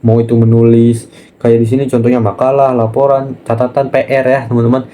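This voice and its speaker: Man, casual online language teacher, chatty, lots of fillers, warm mellow tone, mid pitch. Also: flat delivery, brisk. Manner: chatty, keeps saying "nah" and addressing viewers as friends.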